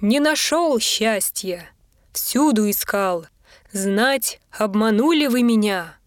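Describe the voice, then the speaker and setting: A woman reading the part of a stubborn, weary wanderer in a fairy tale, speaking slowly and bitterly. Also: medium pitch, expressive, no echo, studio quality. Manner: slow, quiet and bitter.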